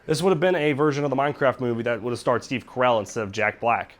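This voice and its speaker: A man with a mid-range voice talks fast as host of an online video essay about cancelled game movies. His commentary is sarcastic and irreverent, with casual swearing.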